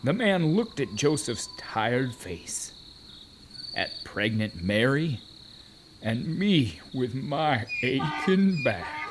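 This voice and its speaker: A man playing a weary, aggrieved donkey who tells his journey for a children's audio drama, with deliberate dramatic pauses. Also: mid-range voice, sing-song. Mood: weary storytelling. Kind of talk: first-person children's audio drama narration. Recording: noisy, with animal and cricket ambience.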